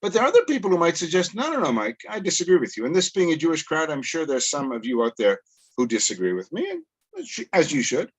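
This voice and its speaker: A man's voice: fairly high pitch, very animated, fast, breathy edge, rough recording. A middle-aged man from Canada, a tour guide and educator, giving a chatty lecture over a video call and asking rhetorical questions. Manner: chatty, self-deprecating, asks rhetorical questions.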